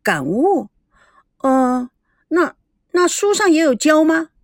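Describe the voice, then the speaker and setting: A naive young woman, put on by a storytelling woman, chattering and stammering through puzzled questions. Her voice sits high and lively, recorded dry and close. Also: takes it slowly, no echo, full character voice. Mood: bubbly puzzled.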